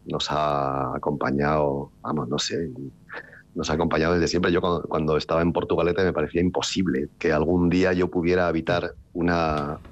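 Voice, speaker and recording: Middle-aged man, very low voice, wry rambling interviewee, slightly dull lo-fi recording. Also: level tone, brisk. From Basque Country, Spain. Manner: rambling, restarts often, wry and ironic. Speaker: novelist being interviewed. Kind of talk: casual interview talk.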